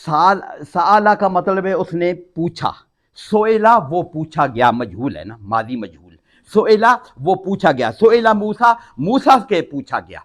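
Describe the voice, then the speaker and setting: A man's voice: high-pitched, animated. Older man teaching Quran word by word. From Pakistan. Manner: recites Arabic, then explains each word, repeating terms.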